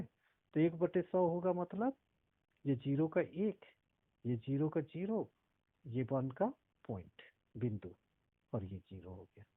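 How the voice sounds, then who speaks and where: A man's voice: a little high, no room sound. A male math teacher explaining decimal multiplication step by step, often stopping to ask if students understood. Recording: tinny phone-like audio.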